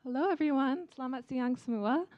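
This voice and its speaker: Presenting at an event, a young Chinese woman who is an embassy vice consul talks warmly and informally to students in an American accent. Her high-pitched voice is brisk, and the recording has its highs cut off plus a little hiss or hum.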